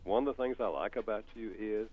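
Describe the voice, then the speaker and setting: With a fairly low voice that has a breathy edge, the older Southern man talks a little fast. He is an author and counselor from North Carolina, guesting on a talk show and explaining in a folksy, story-driven way over tinny, phone-like sound.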